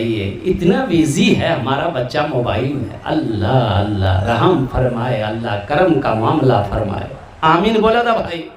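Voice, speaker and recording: A male preacher with a high voice delivers an animated sermon to a gathering and keeps urging the listeners to answer him. His voice echoes through a roomy hall. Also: slight background noise. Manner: animated, calls for the crowd to answer back. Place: religious gathering.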